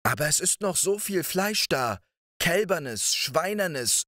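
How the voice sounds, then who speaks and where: A man's voice: expressive, slow pace, sharp tone, no echo, clean studio sound, exaggerated voice. A man doing a giant's anxious, kindly wife. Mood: pleading. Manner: high, worried and coaxing. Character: giant's kind, anxious wife, middle-aged woman.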